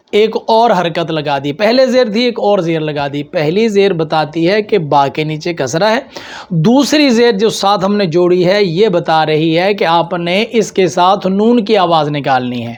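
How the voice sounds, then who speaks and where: High-voiced man patiently teaching reading rules. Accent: Pakistani Urdu. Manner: patient, repeats examples slowly, asks and answers his own questions. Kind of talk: explanatory lesson on Quranic reading rules.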